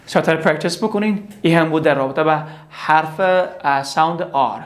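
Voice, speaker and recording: A pronunciation teacher, repeating each English word slowly two or three times in a drill lesson. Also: medium pitch.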